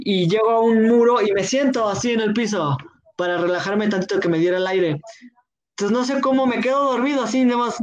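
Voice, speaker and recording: A man with a Mexican accent telling a story in a slangy, relaxed way and acting out the lines of people in it. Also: sits high, slight background noise. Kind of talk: casual chat, telling a drinking anecdote.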